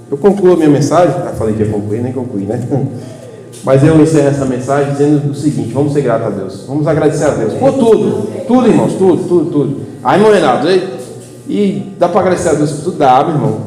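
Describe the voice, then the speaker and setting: A man's voice: a little high, mellow. Brazilian preacher man in an echoey hall. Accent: Brazilian Portuguese. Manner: chatty, folksy storytelling with frequent "né" and "irmãos". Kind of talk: informal evening sermon. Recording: echoey hall with faint hum.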